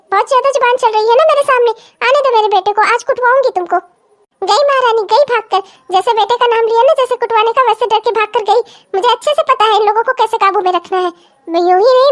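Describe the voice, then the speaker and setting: A woman voicing a scheming older mother-in-law in a cartoon comedy, bossy and scolding toward her daughters-in-law and doting toward her own daughters. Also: very high-pitched. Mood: threatening.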